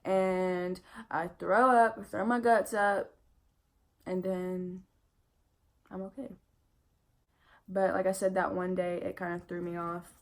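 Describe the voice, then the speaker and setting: Young woman vlogger, pregnant and worn out, casual and candid, level monotone delivery. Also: lowish voice, slow, long pauses. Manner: chatty and candid, lots of "like" and "I mean" fillers. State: pregnant and tired, yawning. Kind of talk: casual pregnancy update vlog.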